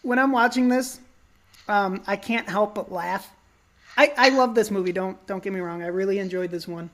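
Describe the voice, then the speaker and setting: A woman talks movies on a podcast in a loose, casual way, full of little ums and quick teasing jabs. Her voice sits at a middle pitch and sounds relaxed and unpolished. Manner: joking, teasing, lots of ums. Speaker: podcast co-host.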